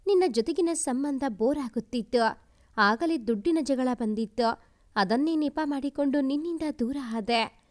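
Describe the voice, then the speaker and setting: A woman voicing a remorseful young woman who is gravely ill, read as a storybook letter in a soft, pleading tone. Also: high-pitched, normal speed, close to an everyday voice. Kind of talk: storybook narration.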